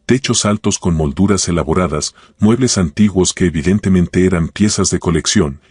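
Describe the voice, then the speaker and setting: A man narrating a scripted romance story in a steady, even reading. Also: sits low, slightly rough, dry recording, studio quality.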